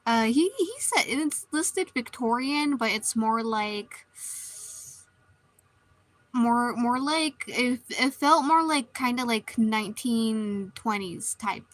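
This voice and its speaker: A woman's voice: fairly high pitch, slow, dry recording, rough recording. A woman streamer chatting casually while she draws, rambling and restarting her sentences often. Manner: rambling, meandering, many restarts.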